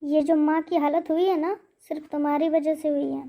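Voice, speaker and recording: A woman's voice: high voice, flat delivery, a little fast, mellow. A woman voicing a stern young husband in a cartoon story, scolding firmly. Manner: scolding, firm.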